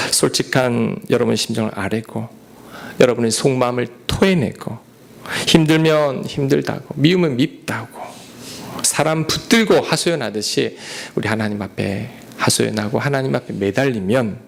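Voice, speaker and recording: A male pastor delivering a sermon earnestly, swinging from loud rises to soft whispered asides. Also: mid-range voice, creaky, slight background noise.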